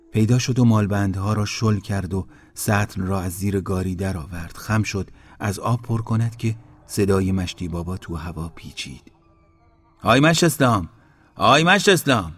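A man reading a storybook aloud in a calm, measured way. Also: deep voice. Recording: long hall reverb.

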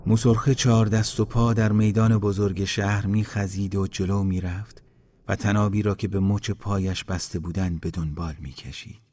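Man, storyteller, calm, measured, slightly low voice. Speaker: narrator. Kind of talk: storytelling reading.

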